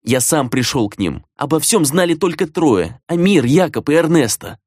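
A man's voice: a little high, very animated, normal speed, no echo, clean studio sound, pitched above the performer's own voice. A man voicing a guilt-ridden young apprentice necromancer, strained and apologetic with a trembling voice. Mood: explaining.

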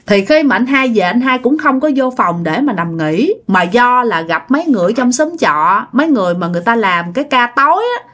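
A woman's voice: a little high, animated, fairly quick, hardly any pauses, a bit bright. Chatty woman telling a ghost story. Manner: conversational, addresses listeners directly. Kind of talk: spoken ghost story narration.

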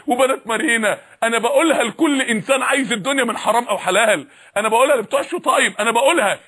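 A man's voice: very high-pitched, sharp tone. A man with an Egyptian accent preaching a sermon, fiery and full of repeated rhetorical questions.

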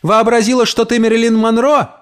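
A man voicing a spiteful, shrieking old landlady in an audiobook, ranting with shrill accusations. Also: completely flat delivery, very fast, darkish tone, close to an everyday voice. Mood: screaming. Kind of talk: audiobook character voice.

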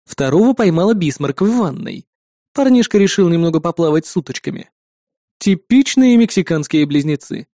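A man's voice: lively intonation, moderate pace, no echo, studio quality. A man reading a first-person story aloud and switching his voice for the different characters. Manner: shifts pitch and loudness to voice different characters. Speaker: audiobook narrator. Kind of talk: first-person narration with acted dialogue.

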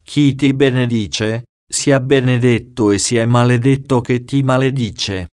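A man narrates an ancient religious text at an unhurried, deliberate pace. His voice sits at a mid pitch and stays solemn and measured throughout. The recording is dry and close, with no room sound. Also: steady tone, a little mellow, no echo. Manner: slow, solemn, measured delivery. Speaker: audiobook reader. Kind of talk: scripted scripture reading.

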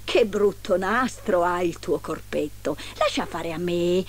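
A woman voicing a wicked, vain queen who speaks in a low, hushed, scheming whisper. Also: animated, a little slow, slight background noise. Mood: sly gloating.

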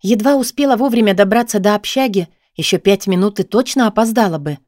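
A woman's voice: medium pitch, brisk, darkish tone, no room sound, clean studio sound. Woman narrating in the first person. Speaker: audiobook narrator.

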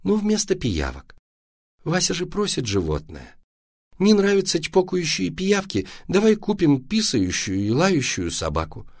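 A tired, sarcastic mother answers flatly from half-sleep , as a man reads her. The lively storyteller's melody still runs through it, recorded dry. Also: on the high side, measured pace, dry recording, voice pushed up, exaggerated voice. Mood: dry sleepy. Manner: dry and matter-of-fact.

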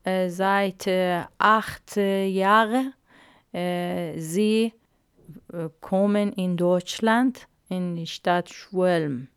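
A woman's voice: fairly low pitch, fairly even intonation, clear, resonant tone, no room sound, studio quality. A woman, in Arabic and Persian, speaking hesitantly in a radio interview, with many fillers. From Iran. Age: 50s. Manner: halting, hesitant learner's speech with many fillers. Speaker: interview guest.

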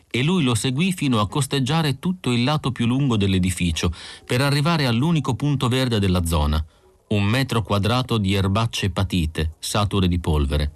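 A man narrating an audiobook with slow, measured reading. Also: fairly low pitch, lively intonation, no room sound. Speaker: audiobook reader.

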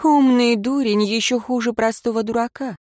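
A woman voicing a grieving, sharp-tongued young heroine in a fantasy audiobook, tearful and high-strung. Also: fairly even intonation, moderate pace, no room sound, studio quality, lightly acted.

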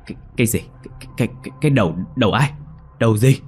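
A man's voice: on the low side, fairly quick, faint music behind, lightly acted. A man doing a flustered old village mother. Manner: flustered, repeated questions. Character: anxious older village mother, fussing.

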